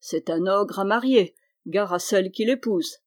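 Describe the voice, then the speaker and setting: A woman's voice: mid-range voice, measured pace, darkish tone, no room sound, clean studio sound, lightly acted. A woman reading the lines of a mocking, chattering male dwarf in a storybook reading, teasing and exclamatory.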